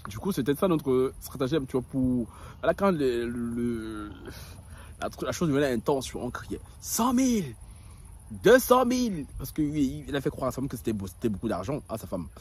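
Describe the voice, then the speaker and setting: Animated Ivorian French young man. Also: mid-range voice, fairly quick, a little hiss or hum. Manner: animated, laughing, self-mocking. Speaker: gossip vlogger. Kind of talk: storytime confession.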